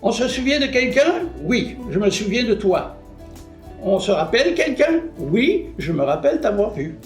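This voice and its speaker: A man presents a short language lesson, his voice pitched high for a man. He works through example sentences in a patient, didactic way and answers his own questions. The room is echoey, with faint music underneath. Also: big pitch swings, normal speed. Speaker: French language columnist.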